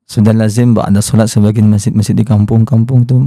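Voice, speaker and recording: Male host, very dark mellow tone, dry recording, polite hesitant questioner. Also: on the low side, little pitch movement, fairly quick, no echo. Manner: polite, addresses guest respectfully, hesitant fillers. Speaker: podcast host. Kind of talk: interview questions.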